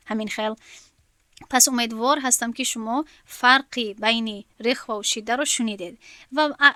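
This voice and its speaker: High-voiced woman teaching a recitation lesson. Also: dry recording. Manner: explains step by step, then demonstrates sounds slowly and loudly. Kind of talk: recorded tajweed lesson.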